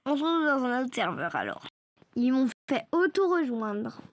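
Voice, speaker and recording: A woman's voice: sits high, big pitch swings, normal speed. A young woman giving casual gameplay commentary, stammering, apologizing and often dropping into whispers. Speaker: gaming video creator.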